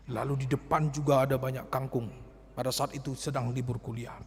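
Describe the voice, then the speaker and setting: A man preaching a sermon as pastor, telling a personal story in a hushed voice and then building to loud, passionate exhortation. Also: medium pitch, little pitch movement, fairly quick, gravelly, a little hiss or hum. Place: church. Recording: church hall reverb.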